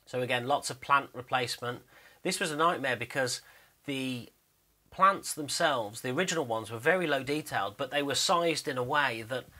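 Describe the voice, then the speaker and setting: Over a screen recording, a male 3D animator casually explains his behind-the-scenes animation work without a script, thinking aloud as he goes. He has a medium-pitched voice that sounds pushed and bright.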